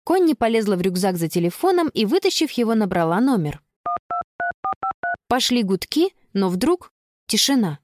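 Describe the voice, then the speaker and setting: A woman narrating a children's audiobook in an expressive, dramatic manner. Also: mid-range voice, normal speed, background noise.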